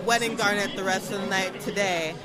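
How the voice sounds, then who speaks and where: This woman, a cosplayer from Florida, is being interviewed amid the music and crowd noise of a bustling fan convention. She talks briskly in a mid-range voice with fairly even intonation, keeping the chat casual and excited. Effusive and emphatic, she tends to loop back and repeat herself.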